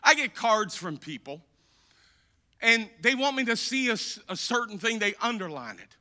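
A man preaching a sermon as pastor, repeating key phrases, rising to shouted peaks and dropping to quiet, conversational asides. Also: high voice, sing-song, moderate pace.

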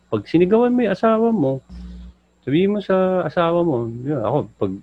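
A man's voice: a little high, very animated, brisk, dry recording. A man co-hosting a casual talk show, joking around and giving playful advice with slang. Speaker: podcast co-host. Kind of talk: casual chat. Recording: dull, dry sound.

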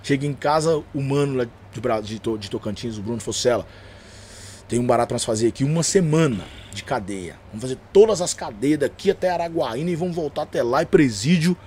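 A man with a São Paulo accent, a gospel rapper and preacher telling stories as a podcast guest, slangy and animated, acting out the dialogue. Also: medium pitch, a little fast, slight background noise. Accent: São Paulo Portuguese. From São Paulo, Brazil. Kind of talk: casual storytelling chat.

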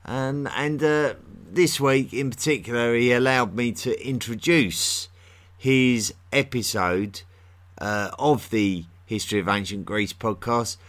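A man's voice: medium pitch, takes it slowly, fairly bright tone. A man with a London-area English accent hosting a history podcast, chatting in a friendly way with many ums and restarts. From England, near London. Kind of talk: solo podcast talk.

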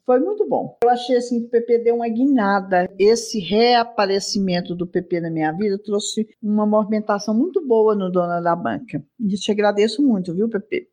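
With a mid-range, somewhat dark voice, a woman in her sixties runs her podcast alone. She's affectionate and talkative, often wandering off into side remarks.

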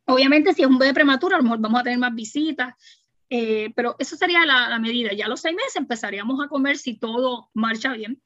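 A woman pediatrician, calmly explaining routine baby checkups in a practical, reassuring manner and acting out parents' questions. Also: fairly high pitch, fast, no room sound, highs cut off. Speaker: pediatrician guest. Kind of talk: explanatory podcast interview.

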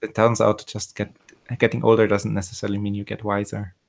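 A man's voice: fairly low pitch, completely flat delivery, brisk, vocal fry. A man, a podcast guest talking casually with many fillers and dry humor over a video call. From Austria.

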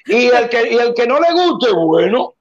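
High-voiced man telling a comic story. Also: a little slow. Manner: animated, acts out voices and shouts punchlines. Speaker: guest. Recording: dull lo-fi sound.

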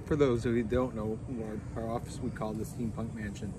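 A man's voice: on the low side, little pitch movement, brisk. A man co-hosting a podcast, chatting casually and explaining things in a storytelling way, recorded outdoors in a backyard. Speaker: podcast co-host. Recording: outdoor recording with clear background noise.

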